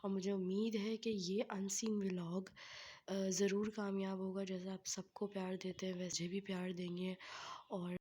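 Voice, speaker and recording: A young woman vlogging from home, chatting softly and often half-whispering while she shows things, with a sore throat. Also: mid-range voice, little pitch movement, a little slow, breathy edge. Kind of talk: casual vlog narration while showing items.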